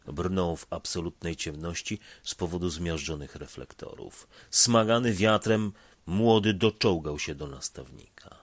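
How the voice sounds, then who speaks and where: A man narrates a tense story in a deep, gravelly voice that climbs and dips widely. His tone is husky, and the recording is close and dry, with no room sound. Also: a little slow, dry recording. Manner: expressive, shifts between loud and hushed delivery. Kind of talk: dramatic story reading.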